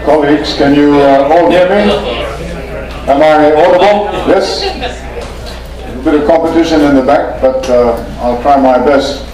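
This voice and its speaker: A man from Fiji, chairing a formal meeting in a polite, measured way with frequent pauses. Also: fairly high pitch, a crowd in the background. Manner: polite, measured, often pausing. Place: conference meeting room. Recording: echoey meeting room, mic at a distance.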